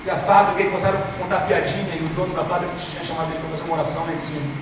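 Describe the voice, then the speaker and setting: A Brazilian man preaching a sermon in church, moving from hushed storytelling to impassioned shouting. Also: a little high, steady tone, very fast. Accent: Brazilian Portuguese. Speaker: pastor. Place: church service. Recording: echoey hall from far off, noisy.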